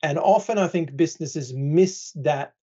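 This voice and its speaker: A man's voice: a little high, unhurried, warm tone, breathy edge, highs cut off. A man speaking as an expert guest on a podcast, explaining things conversationally with dry sarcastic humor and many "right?" tags.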